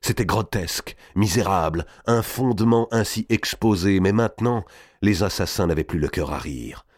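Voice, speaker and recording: A man reading a historical novel aloud in a dramatic, measured narration. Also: sits low, no echo, studio quality.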